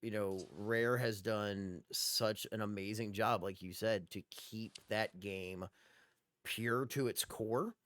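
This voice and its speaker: A man's voice: lowish voice, fairly even intonation, slow pace, a bit bright, no room sound. A man co-hosting a casual podcast, telling stories enthusiastically. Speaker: podcast co-host.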